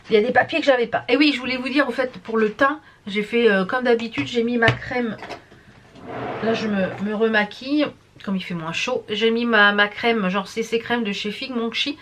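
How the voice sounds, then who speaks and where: A woman's voice: a little high, a bit bright, slight background noise. A tired woman chatting casually to camera as a vlogger, rambling and stumbling over her words. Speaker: beauty and embroidery vlogger.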